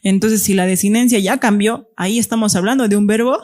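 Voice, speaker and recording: A woman's voice: medium pitch, fairly quick, darkish tone. A woman teacher giving a classroom grammar lesson, explaining step by step and often checking that the students follow.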